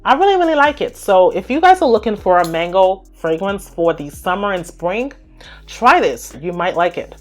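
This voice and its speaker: A woman's voice: medium pitch, very animated, normal speed, faint music behind. A young woman vlogger giving a gushing, emphatic product review to her viewers. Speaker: beauty vlogger.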